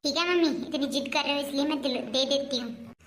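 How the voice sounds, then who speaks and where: A woman's voice: sits high, a little fast, a bit bright. A woman playing a jealous, demanding young sister-in-law in a home-made comic family skit, whining and complaining about what she is given.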